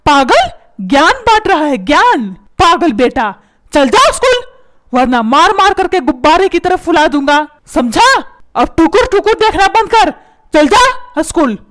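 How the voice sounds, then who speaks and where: A woman's voice: very high voice, sing-song, measured pace, fairly bright tone, heavily acted. A woman voicing a stingy, short-tempered middle-aged husband in a comic cartoon, scolding and sarcastic. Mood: threatening.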